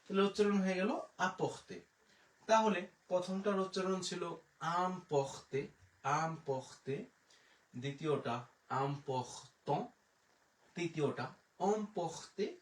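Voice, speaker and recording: Man teaching a live pronunciation lesson, patient letter-by-letter spelling, picked up from across a reverberant room. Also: a little high. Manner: spells words out letter by letter, slow repeated pronunciations. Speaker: French teacher. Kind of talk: live online language lesson. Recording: echoey room, distant mic.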